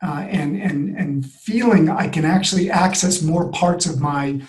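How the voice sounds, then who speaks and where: A man speaking in an earnest, expansive way, stacking example on example as a podcast guest. His voice sits a little higher than most men's. A roomy echo hangs around every word. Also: measured pace, a little mellow. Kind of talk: reflective conversation.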